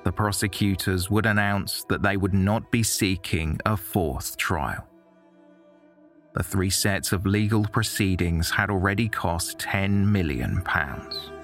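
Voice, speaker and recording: Low-voiced man narrating true crime. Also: takes it slowly, fairly bright tone, faint music behind. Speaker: documentary narrator.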